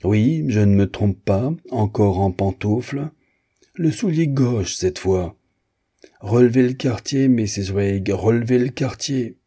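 A man's voice: sits low, normal speed, husky. Man playing a barking, tyrannical captain. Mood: outraged. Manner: barking orders, shouting. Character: tyrannical, fussy middle-aged captain.

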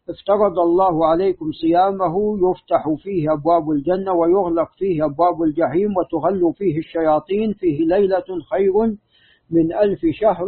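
A man with a fairly high, husky voice lectures as a scholar, walking through narrator chains in a steady, methodical way. The sound is thin and tinny, like a phone line. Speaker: hadith scholar teaching. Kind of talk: scholarly lecture with student questions.

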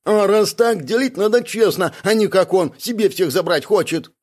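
A man doing a loud hot-headed brawler. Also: high-pitched, moderate pace, voice pushed up. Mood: boastful. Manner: shouty, boastful, hot-tempered. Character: brash loud male brawler buddy, touchy.

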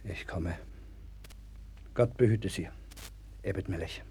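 A man's voice: sits low, slow pace, dark tone. Wavering, desperate king on a crackly record. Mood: resigned. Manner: theatrical, swinging between outbursts and whispers. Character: desperate, wavering, doomed king clinging to hope. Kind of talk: German radio play acting. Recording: crackly, noisy early 1960s vinyl record.

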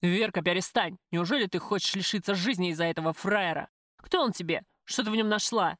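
A woman reading an audiobook, voicing a coarse, possessive male gang boss who talks in rough slang. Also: lowish voice, a little fast, a bit bright, no room sound, clean studio sound, close to an everyday voice. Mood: threatening.

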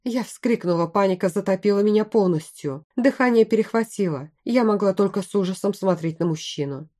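A woman narrates a first-person audiobook at a steady pace. Her voice is mellow and dark rather than bright. Her storytelling stays even and clear. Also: medium pitch, a little fast.

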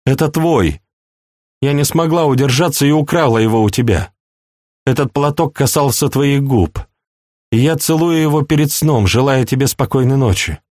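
Reading an audiobook, a man voices a proud, passionate young princess in a raised, pleading voice, pitched above his own and lightly acted, with a tender mood. His mid-range, darkish voice moves at a moderate pace in studio-quality sound with no room noise.

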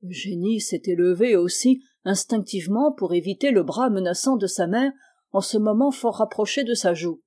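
A woman narrates a classic novel with calm, measured pacing. Her voice is mellow and dark-toned, at a middle pitch. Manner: even, measured storytelling. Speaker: audiobook reader. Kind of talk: scripted narration.

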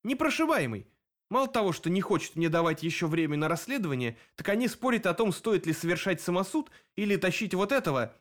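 A man reading an audiobook, voicing a sly, mocking male demon investigator who talks quickly. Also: sits high, sing-song, a bit bright, voice pushed up. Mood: sardonic.

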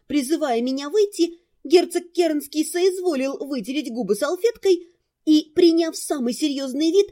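A woman calmly narrating a first-person fantasy audiobook. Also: high voice.

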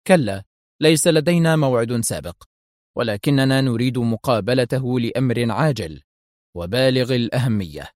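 A man's voice: mid-range voice, a little fast, no room sound, clean studio sound, lightly acted. A man voicing a cool, sardonic male secret agent who answers curtly. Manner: cool, curt and mocking. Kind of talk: audiobook character voice.

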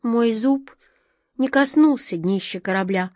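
Woman playing a storybook squirrel, high shrill voice, pleading, forlorn, dry close sound. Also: measured pace, a little mellow, no echo, natural voice. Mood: sad. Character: desperate lonely young female squirrel.

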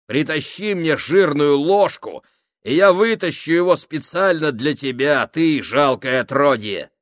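Man playing a crude foreman, loud, barking orders, raised voice, dry sound. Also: a little high, animated, a little slow, no room sound, voice pushed up. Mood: mocking. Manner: rough, mocking, commanding. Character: gruff tough male foreman, crude and commanding.

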